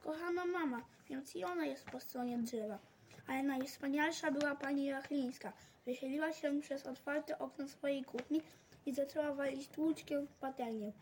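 A woman narrates a children's novel in a bright, high voice. She reads at a measured storytelling pace and lifts her volume when she voices the quoted speech. A faint background hiss sits under her voice. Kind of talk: reading a children's novel aloud.

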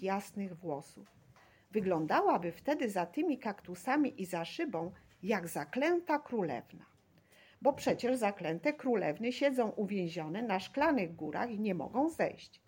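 A woman reading a children's story aloud with an expressive, animated delivery. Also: mid-range voice, slightly rough.

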